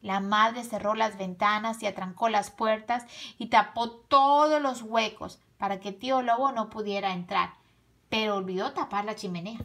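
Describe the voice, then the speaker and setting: A woman slowly and expressively reading a children's folk tale aloud. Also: medium pitch, vocal fry. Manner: slow, expressive storytelling. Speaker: storyteller.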